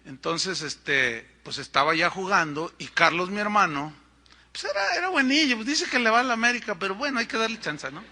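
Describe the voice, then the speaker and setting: A middle-aged man with a Mexican accent preaching a sermon, telling stories in an animated way and acting out the people in them. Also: high voice, fairly quick. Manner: animated storytelling with acted-out quotes. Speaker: pastor.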